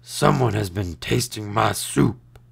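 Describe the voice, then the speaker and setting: A man voicing a big, gruff papa polar bear in a storybook read-aloud, roaring and booming. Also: expressive, takes it slowly, full character voice.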